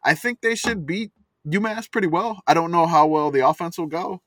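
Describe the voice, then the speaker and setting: A man's voice: fairly high pitch, normal speed, a bit bright, dry recording. A man hosting a casual sports chat podcast from inside a closet, rambling and chatty with plenty of fillers. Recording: dry, close sound from a closet.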